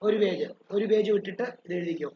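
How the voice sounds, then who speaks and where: High-voiced man teaching a class. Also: fast. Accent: Malayali English. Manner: asks questions then answers them himself, dictates notes. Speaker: physics teacher. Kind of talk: online class lecture. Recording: dull roomy recording with faint noise.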